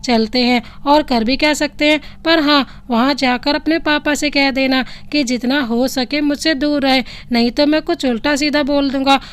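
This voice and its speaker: A woman's voice: high voice, fairly even intonation, moderate pace, hardly any pauses, lightly acted. A woman voicing a cheeky young husband who grumbles and jokes sarcastically about his marriage. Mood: grumbling. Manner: sarcastic complaining banter.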